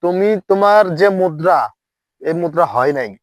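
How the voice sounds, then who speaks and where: A man's voice: on the high side, animated, normal speed, no echo. Bossy scolding man as teacher. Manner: scolding, bossy, threatens punishment. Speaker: dance teacher in a skit. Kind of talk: comedy skit.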